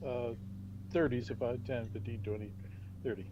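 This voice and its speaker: A man's voice: medium pitch, fairly even intonation, moderate pace, lo-fi sound, noisy background. A man playing in a tabletop game over a voice call, asking rule questions and counting out his moves. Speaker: player. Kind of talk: casual tabletop game chat.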